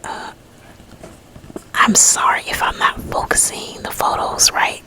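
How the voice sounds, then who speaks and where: A woman rambling gently in a breathy ASMR whisper, lingering on drawn-out words. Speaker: ASMR host.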